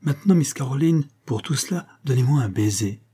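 A man voicing a cheeky young boy servant who gives brisk, bossy orders in a raised voice. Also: medium pitch, lively intonation, dark tone, husky.

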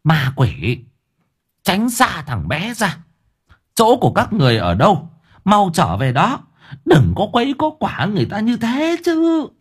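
Man putting on a high shrill old woman, fussy, scolding, husky edge. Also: very animated, measured pace. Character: fussy old village woman, anxious neighbor.

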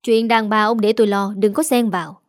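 A woman's voice: mid-range voice, steady tone, brisk, dry recording, clean studio sound, natural voice. A woman voicing a stern, dismissive older mother-in-law who scolds curtly in an audio story. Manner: curt, scolding.

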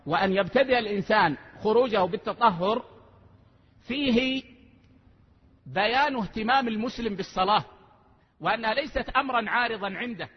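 A man with a high, husky voice delivers a measured religious lesson, repeating key phrases so they sink in. He sounds like he is in a large, echoing hall, and the recording is dull and lo-fi. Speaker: sheikh teaching a lesson. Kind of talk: religious lesson explaining a text.

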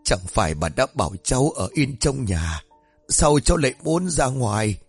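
A man voicing a frail, superstitious old grandmother in her seventies, who speaks in a weak, slow, whispery voice. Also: medium pitch, very animated, slightly rough, faint music behind. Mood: fretful.

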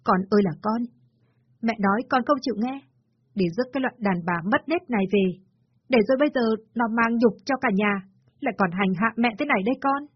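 A woman's voice: quick pace, breathy edge, no room sound. A woman voicing a spiteful older mother-in-law who scolds and hurls abuse, on a dull, dry recording. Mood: scornful scolding. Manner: shrill, scornful, shouting abuse.

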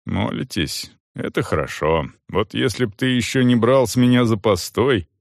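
A man's voice: mid-range voice, expressive, moderate pace, vocal fry, dry recording, clean studio sound, pitched above the performer's own voice. A man voicing a blunt, commanding wounded soldier who speaks curtly. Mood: stern. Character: gruff wounded male soldier, stern master.

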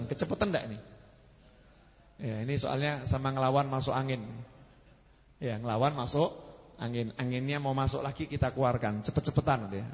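A high-voiced man preaching with a Javanese accent, animated and joking with the gathering. His voice carries a long hall reverb behind it. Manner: animated, jokes and mixes in Javanese phrases. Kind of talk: sermon.

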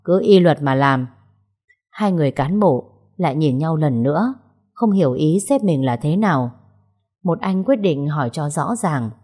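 A woman narrating an audio story in a steady, measured reading voice. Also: deep voice, slightly rough.

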